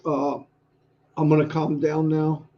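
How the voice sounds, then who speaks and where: A man's voice: a little high, monotone, slow pace. Chipper older man, muffled stream audio. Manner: chipper, rambling. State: hoarse. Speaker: livestream co-host. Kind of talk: casual livestream chat.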